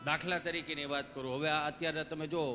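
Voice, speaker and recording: A man's voice: fairly high pitch, flat delivery, fast, sharp tone, in a large hall, soft background music. A man with a Kathiawadi Gujarati accent performing a live stage comedy monologue, telling folksy stories with preachy asides. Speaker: stand-up comedian.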